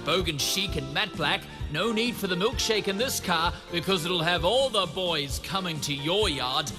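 Promo announcer for a radio contest spot, scripted mock ad, very animated, music underneath. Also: medium pitch, moderate pace.

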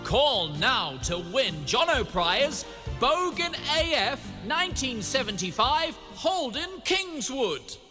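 Promo announcer for a radio contest spot, scripted mock ad, very animated, music underneath. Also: high-pitched, takes it slowly.

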